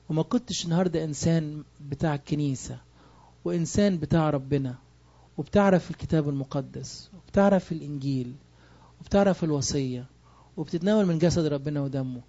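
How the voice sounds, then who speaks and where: A man's voice: on the high side, mellow, muffled recording. A man with an Egyptian Arabic accent preaching a sermon, emphatic and full of rhetorical questions. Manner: emphatic, asks rhetorical questions and answers them.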